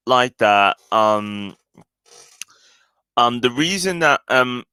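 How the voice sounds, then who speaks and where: A man's voice: mid-range voice, bright, forceful tone, clean tone, no echo. A man chatting casually on his own live stream, hesitant and full of fillers and restarts.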